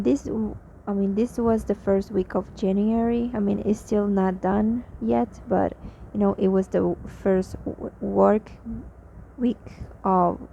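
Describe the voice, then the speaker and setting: A young Mexican woman, a vlogger whose first language is Spanish, speaks English with a Mexican accent in a mellow, mid-range voice with vocal fry. She talks casually and hesitantly in a spoken diary, sounding tired and drained, with lots of fillers and restarts. The lo-fi audio is slightly dull, with faint noise.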